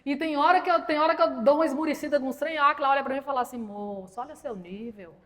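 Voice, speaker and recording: High-voiced Mineira woman preaching. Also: racing. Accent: Minas Gerais Portuguese. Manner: lively storytelling that acts out quoted voices. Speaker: guest preacher. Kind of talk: humorous testimony sermon. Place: church service.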